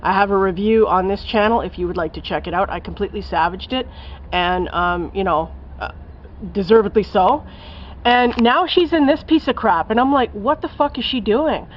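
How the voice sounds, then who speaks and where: Woman film reviewer, casual rant, profane and scathing, mid pitch, slightly muffled lo-fi sound. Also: normal speed, slight background noise. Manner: blunt, profane, scathing rant with many fillers.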